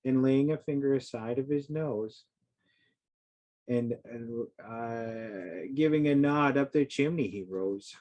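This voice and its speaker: A man playing a jolly old Santa reading a storybook aloud in a gentle, folksy way, with casual, halting asides. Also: mid-range voice, natural voice. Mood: merry storytelling.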